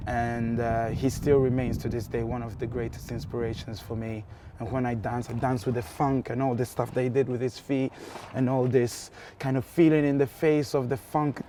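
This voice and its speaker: A man, talking to camera about his career as a dance school director, relaxed and steady with frequent ums. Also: mid-range voice, background noise. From Italy.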